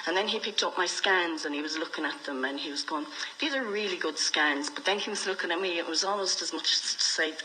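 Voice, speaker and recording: A middle-aged Irish woman with a lowish, bright, forward voice speaks frankly and reflectively, telling personal stories in conversation as an interview guest. There is faint noise and room ambience behind her. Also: fast talker, few pauses, rough recording. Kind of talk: candid personal storytelling in conversation.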